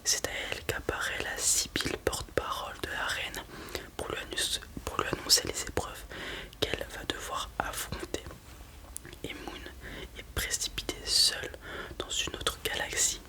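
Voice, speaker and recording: Someone in a whispered role-play as a librarian, speaking in a soft library whisper while presenting and reading from books. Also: moderate pace. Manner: reads blurbs aloud, then comments informally with hesitations. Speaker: ASMR creator playing a librarian presenting books.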